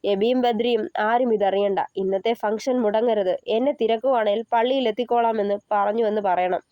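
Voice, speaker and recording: An urgent, commanding elder brother who brushes off fear and gives orders, voiced by a woman narrator. The tone is fairly high and close, with a dry, dull lo-fi sound. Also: fairly even intonation, moderate pace, no echo, close to an everyday voice. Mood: resolute. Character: protective older brother, anxious yet firm.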